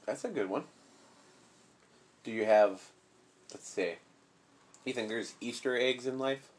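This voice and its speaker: A man with a voice of middling pitch talks with his young child in a relaxed, casual way. As her father, he keeps asking playful, probing questions. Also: unhurried. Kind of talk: casual chat.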